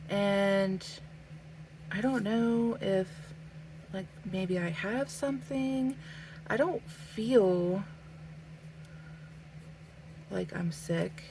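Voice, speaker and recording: Over a noisy background, a young adult woman with a medium-pitched voice vlogs as she draws. Her talk is casual, slow and reflective, packed with fillers, and she's a bit sniffly from a stuffy nose.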